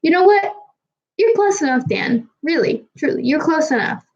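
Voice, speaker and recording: A woman's voice: high voice, expressive, moderate pace, a little mellow, lo-fi sound. Tipsy young woman rambling to chat. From Kazakhstan. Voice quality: trouble pronouncing R sounds. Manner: rambling, casual and frequently swearing. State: slightly tipsy. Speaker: streamer answering chat. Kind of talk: casual live Q&A chat.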